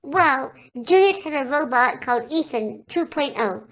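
A man's voice: lively intonation, full character voice. A man voicing a chirpy, eager cartoon mascot boy in a comic podcast skit, talking in a bubbly, gushing way. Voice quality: squeaky and bright. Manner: bubbly, gushing, slow and sing-song.

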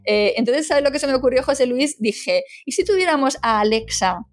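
A woman's voice: high-pitched, lively intonation, fairly quick, dry recording. A middle-aged woman, a legal English teacher, chatting casually as an interview guest, full of fillers and tag questions.

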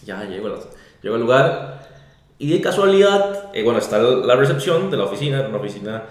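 A man with a Costa Rican Spanish accent hosting a casual podcast, telling animated anecdotes with many restarts. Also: mid-range voice, fairly quick. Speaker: podcast host, financial advisor. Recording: very echoey room.

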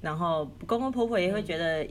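A woman in her thirties with a Taiwanese Mandarin accent, co-hosting a podcast and talking candidly in a relaxed way with frequent laughs. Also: on the low side, brisk, a little hiss or hum. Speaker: podcast co-host. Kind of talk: casual chat.

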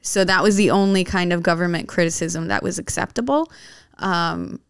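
A woman hosting a podcast interview, speaking in a thoughtful, measured way with soft hedging fillers. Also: lowish voice, steady tone, vocal fry, clean tone, no echo, clean studio sound. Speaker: podcast host. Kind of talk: casual interview conversation.

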